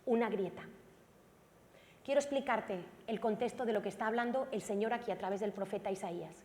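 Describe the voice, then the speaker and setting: A woman pastor with a Peninsular Spanish accent preaching a sermon dramatically and emphatically, sometimes rising to shouts. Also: medium pitch, fairly quick, in a large hall, a little hiss or hum. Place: church sanctuary.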